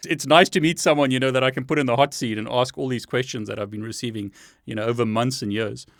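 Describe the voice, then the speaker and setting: A mid-pitched man hosts a casual interview and poses questions in a friendly way. His voice is recorded close and dry, with no room echo. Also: steady tone, fast, gravelly, fairly bright tone. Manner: friendly, asks questions with light laughter. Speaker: show host interviewer.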